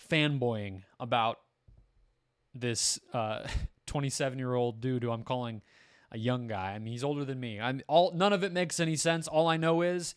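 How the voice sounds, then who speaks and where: Young guy rambling about his team on a podcast, smooth voice, dry close mic. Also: medium pitch, no echo. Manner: chatty, self-deprecating, rambling with fillers. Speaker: podcast host covering a basketball team. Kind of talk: casual solo podcast commentary.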